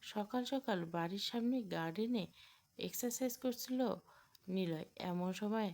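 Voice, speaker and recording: A woman narrating a romantic audio novel with steady, expressive storytelling. Her voice sits at a middling pitch for a woman and carries the scene from one moment to the next. It is scripted reading, paced for listeners following a serialized story. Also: normal speed.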